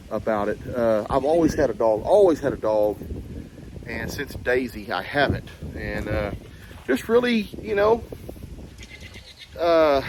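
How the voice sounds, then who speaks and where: A man chatting casually to camera on a windy farm, rambling and folksy with plenty of "uh" and "y'all". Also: medium pitch. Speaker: farm vlogger. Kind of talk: casual vlog talking to camera. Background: wind and farm animals.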